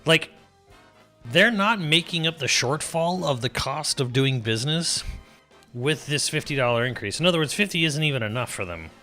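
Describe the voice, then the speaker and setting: A man's voice: on the high side, animated, normal speed, bright, forceful tone, faint music behind. A man streaming live, talking in a rambling, profane and sardonic way, restarting sentences often. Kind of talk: casual livestream commentary.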